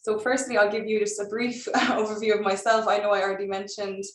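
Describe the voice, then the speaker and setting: Young woman, west of Ireland accent, mid-pitched, presenting informally as a recruiter in a roomy, echoey space. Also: flat delivery, brisk. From Galway, west of Ireland. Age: 20s. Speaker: recruitment officer. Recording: roomy echo, distant microphone.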